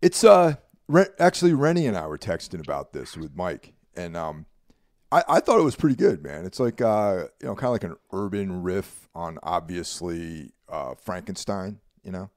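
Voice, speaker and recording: Low-voiced podcast guy, swoops up and down a lot, dry close sound, rambles easy. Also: moderate pace, dry recording. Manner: relaxed, rambling, trails off with "you know what I mean". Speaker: podcast co-host. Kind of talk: casual chat.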